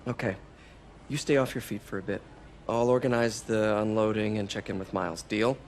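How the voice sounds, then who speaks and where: A man's voice: lowish voice, steady tone, a little fast, slight background noise, lightly acted. A young American man playing an earnest, wisecracking superhero in a video game, conversational and self-deprecating. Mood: gentle concern. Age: young adult. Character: earnest, wisecracking 23-year-old male superhero. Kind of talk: naturalistic video game acting.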